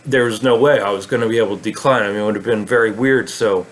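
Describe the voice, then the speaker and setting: A vlogger with a fairly low voice talks fast as he tells a story in a casual monologue. He rambles, with plenty of fillers and restarts.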